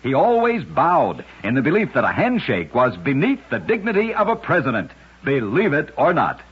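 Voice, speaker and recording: A man reads scripted oddity stories for a radio show, his slightly high, slightly rough voice swooping wildly in pitch at normal speed. His delivery is emphatic and dramatic, captured on a dull, lo-fi old radio recording.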